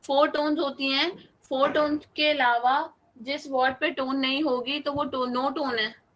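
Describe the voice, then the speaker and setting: A woman's voice: sits high, fairly even intonation, measured pace, a bit bright. A woman teaching an online Chinese class, patiently drawing out each sound as she demonstrates it. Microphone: video call.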